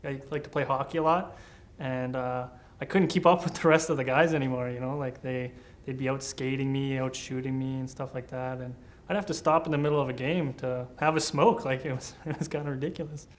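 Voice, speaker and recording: A man's voice: mid-range voice, fairly even intonation, fairly quick, slight background noise. A man in his early twenties giving earnest, conversational interview answers. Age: 20s.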